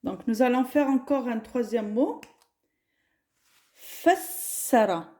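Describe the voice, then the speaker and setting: A woman's voice: fairly high pitch, normal speed, mellow. A woman teaching a lesson, spelling words out syllable by syllable. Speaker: Arabic teacher.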